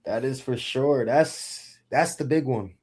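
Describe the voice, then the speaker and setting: A man's voice: mid-range voice, takes it slowly, a little mellow. A man speaking casually as a guest on a wrestling podcast. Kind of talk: casual chat.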